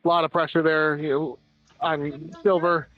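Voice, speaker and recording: In a lo-fi recording with no room sound, an American man with a slightly high voice calls amateur floor hockey in a flat delivery. He quickly runs through passes and shots with dry asides over faint music.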